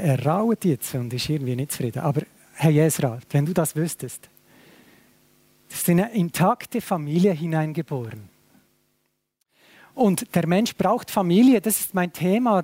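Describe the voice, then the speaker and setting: A man's voice: a little high, dark tone, husky, dry recording. A man preaching a sermon to a small church, conversational and full of questions. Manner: conversational, asks many questions. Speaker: pastor.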